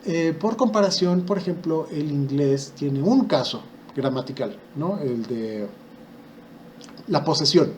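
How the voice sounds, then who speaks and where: A man with a Mexican Spanish accent, teaching a language lesson patiently and step by step, posing rhetorical questions and pausing on filler sounds. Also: a little high, lively intonation, darkish tone, a little hiss or hum. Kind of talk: explanatory video lesson.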